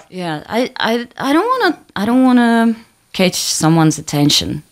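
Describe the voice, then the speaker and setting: A young woman with a Ukrainian accent, a singer answering interview questions in halting English, often laughing. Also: mid-range voice, very animated, creaky. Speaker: band singer, interview guest. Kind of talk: casual interview chat.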